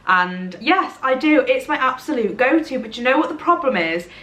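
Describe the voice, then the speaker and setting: Her voice sits high and expressive, a bit bright, moving at a moderate pace through an echoey room. She's a Derbyshire vlogger in her twenties with a Midlands accent, talking casually and self-deprecatingly to the camera while rambling on indoors in a bright room at home.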